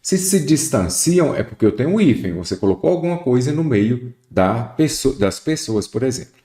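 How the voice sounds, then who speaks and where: A man's voice: mid-range voice, sing-song, normal speed, dark tone. A man teaching an exam-prep lesson, explaining rules step by step and speaking directly to the student. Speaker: Portuguese teacher. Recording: roomy echo.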